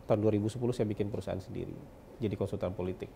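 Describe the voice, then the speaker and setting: This political consultant from West Sumatra, in his forties, carries a Minangkabau-flavored Indonesian accent as he chats easily in an interview. He races along in a fairly low, gravelly, warm voice with a steady tone. Thoughtful and quick to chuckle, he mixes English words into his speech over slight background noise.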